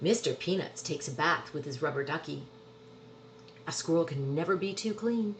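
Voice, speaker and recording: In a low voice, a storybook reader performs an expressive children's picture book read-aloud, drawing words out for emphasis in an animated way. There is slight background noise.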